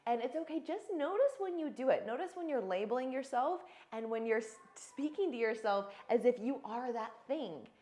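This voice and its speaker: A woman's voice: a little high, animated, normal speed, hardly any pauses, mellow. A middle-aged woman coaching in a casual, earnest teaching voice, acting out examples of self-talk. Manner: earnest, conversational, acts out sample self-talk. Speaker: fitness and emotional health coach.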